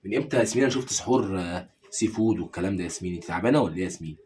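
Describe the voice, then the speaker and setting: A young man with an Egyptian accent argues in an exasperated comedy sketch. His voice is husky, and the words tumble out at a breakneck pace. He keeps the complaints coming without a break. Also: deep voice, darkish tone. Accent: Egyptian Arabic. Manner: exasperated, rapid bickering.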